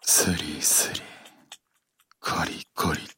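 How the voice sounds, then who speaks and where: A man's voice: takes it slowly, pushed and bright. A man in an intimate ASMR roleplay, murmuring and whispering in a teasing way close to the listener's ear. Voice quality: breathy whisper.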